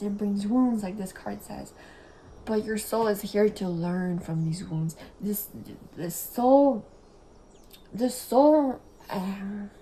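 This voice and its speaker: A young tarot reader whose first language is French chats, giggles, and rambles through a casual reading, now and then lowering her voice to a soft whisper. Her medium-pitched voice is creaky. Slight background noise runs through the low-quality recording.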